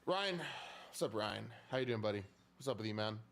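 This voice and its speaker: A man's voice: on the low side, expressive, fairly quick, gravelly, a bit bright. A man talking casually as a streamer, swearing freely and repeating his phrases. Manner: foul-mouthed, repeats himself. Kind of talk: casual ranting chat.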